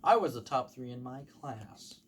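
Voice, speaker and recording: A young man doing rambling stand-up comedy, halting with ums and likes and acting out the voices of people in his stories. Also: mid-range voice, animated, slight background noise. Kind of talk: rambling comic storytelling.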